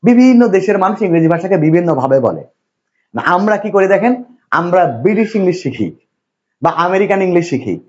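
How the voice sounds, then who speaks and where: A man from Bangladesh lecturing a classroom, his voice a little higher than most men's. He talks in a repetitive, reassuring way and keeps quizzing his students. The recording is dull and lo-fi. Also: very animated, quick pace, darkish tone. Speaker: English teacher.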